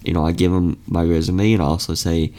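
Talking fast in a low, warm, flat voice, a young man in his late teens hosts a laid-back motivational podcast. He comes across as earnest, with plenty of fillers and false starts.

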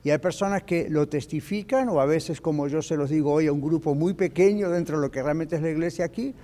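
A male pastor preaching an animated teaching sermon in church, dropping in English phrases. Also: a little high, a little fast. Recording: echoey church hall.

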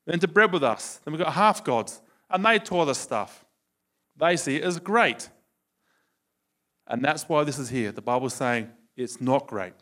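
Aussie guy preaching to a room, chatty, fairly high voice, keeps asking the crowd stuff. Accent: Australian. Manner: lively, conversational, asks the audience questions. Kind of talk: teaching sermon. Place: room with a live audience.

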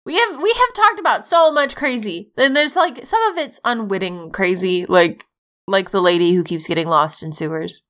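A woman's voice: medium pitch, expressive, normal speed, pushed and bright. A young adult woman co-hosting a podcast, chatting casually and sarcastically, swearing and laughing often. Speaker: podcast co-host. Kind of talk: casual chat.

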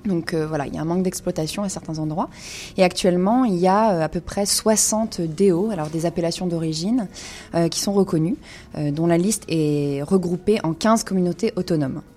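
A woman's voice: on the low side, a little fast, warm tone. A woman presenting a casual wine segment, speaking with many hesitations and fillers. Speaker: wine columnist.

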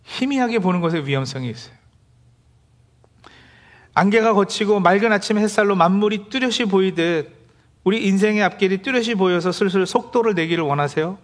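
A man with a high voice delivers a sermon in a plain, conversational way. He is middle-aged and preaches as a pastor to his congregation, slipping into acted-out complaints from the people he describes. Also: fairly quick.

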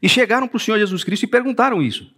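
A man's voice: high-pitched, expressive, rapid-fire, a bit bright. A man with a Brazilian Portuguese accent giving a conversational talk in a church, presenting his book and speaking straight to the listeners. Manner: conversational, addresses listeners directly. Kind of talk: church talk streamed live.

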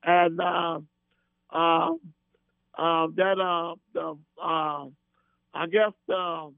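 A man calling into a radio show over a phone line, talking in an earnest, folksy way with many halting fillers and restarts. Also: on the high side, little pitch movement, vocal fry, clear, resonant tone, dry recording. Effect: radio show caller on a phone line. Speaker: caller. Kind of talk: call-in chat. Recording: tinny phone line with mains hum.

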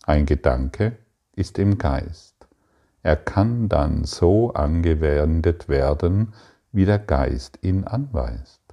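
A man giving a spiritual teaching, reading passages aloud and answering his own rhetorical questions in a deliberate way. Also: a bass voice, lively intonation, gravelly, dark tone.

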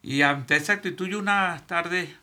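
Halting man pastor with a sharp voice. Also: high voice. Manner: halting, repeats himself, laughs between phrases. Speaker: pastor, guest. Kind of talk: personal testimony.

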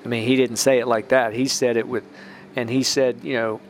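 A man's voice: medium pitch, flat delivery, brisk, slight background noise. Rambling man hosting a faith podcast. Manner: rambling, with restarts and emphatic rises. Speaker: podcast host.

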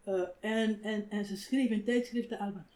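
An older woman, a writer, telling stories in a relaxed conversational interview, animated and laughing often. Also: mid-range voice, normal speed. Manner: animated, acts out quoted voices, laughs often. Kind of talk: reflective conversational storytelling.

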